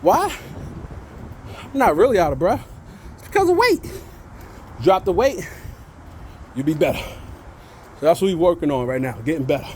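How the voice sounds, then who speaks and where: A man vlogs on his phone as he walks through a train station. His voice sits high, and he talks casually, part chat and part sermon, sounding slightly winded. Faint traffic hums behind him. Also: sing-song, moderate pace, pauses often. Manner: casual, preachy and encouraging, says he sounds out of breath. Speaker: vlogger. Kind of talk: motivational walking vlog.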